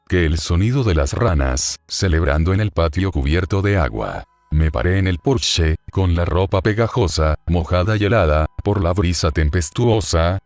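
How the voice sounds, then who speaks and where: A man reading a first-person horror story aloud in measured, short phrases with pauses. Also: low-pitched, darkish tone, dry recording.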